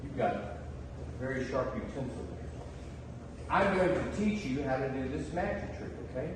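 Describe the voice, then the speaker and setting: In a big reverberant indoor hall, picked up by a far-off mic amid echo and noise, a kids' party magician does playful show patter with mock surprise, urging the audience to take part. His mid-range voice is expressive and moderately paced.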